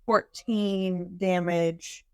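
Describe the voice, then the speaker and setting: A woman's voice: fairly low pitch, steady tone, drawn-out words, dark tone, clean tone, dry recording. A woman playing a tabletop game, thinking aloud as she decides what her character does. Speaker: player. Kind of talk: casual tabletop play.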